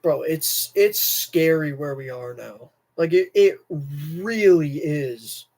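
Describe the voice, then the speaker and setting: A young adult American man rants casually on a livestream, addressing chat emphatically, with repetition and profanity. His voice runs on the high side, a little mellow, and he takes his time.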